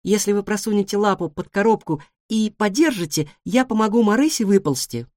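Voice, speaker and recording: A woman's voice: medium pitch, brisk, no room sound, clean studio sound, pitched above the performer's own voice, close to an everyday voice. A woman doing a firm, motherly she-cat. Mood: coaxing. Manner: calm and firm, bossy. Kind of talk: storybook reading.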